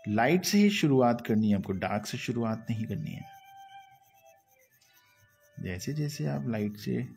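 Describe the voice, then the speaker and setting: A man's voice: medium pitch, expressive, unhurried, gravelly, darkish tone. A man teaching a live online drawing lesson, who explains patiently, repeats his phrases and keeps asking viewers "right?", with faint music in the background.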